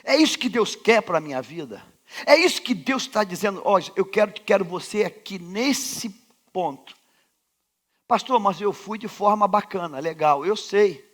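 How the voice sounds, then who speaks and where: With a high male voice and lively intonation, a Rio de Janeiro pastor preaches a little slowly in a large church sanctuary, in Brazilian Portuguese. His sermon leans on rhetorical questions and refrains, and his volume swings from quiet to loud.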